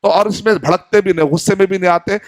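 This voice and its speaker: A middle-aged preacher from Hyderabad, India, teaching in an earnest way, asking questions and playing out little exchanges. His voice sits a bit high for a man. It is close-miked and very dry, with no room sound. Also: no echo. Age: 40s. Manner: earnest teaching tone, poses questions and acts out dialogue. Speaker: Islamic preacher. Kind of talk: sermon.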